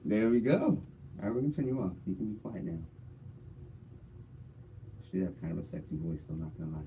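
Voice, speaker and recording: A man's voice: sits low, expressive, a little fast, warm tone, poor audio. A man co-hosting a podcast in laid-back, slangy casual chat. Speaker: podcast co-host. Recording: faint room noise.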